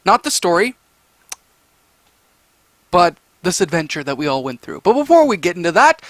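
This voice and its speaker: A man with a high-pitched voice, recorded dry and close, rants through his review of a horror story. He rambles, stammers and repeats himself, sounding exasperated as he picks the story apart. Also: big pitch swings, moderate pace, a bit bright, dry recording. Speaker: creepypasta reviewer. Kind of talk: ranting commentary.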